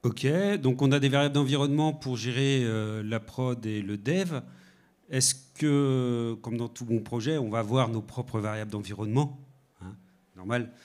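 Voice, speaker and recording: Man, from France, mid-pitched voice, co-presenter, short leading questions, conference talk. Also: moderate pace, a little mellow. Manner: sets up each step with short leading questions.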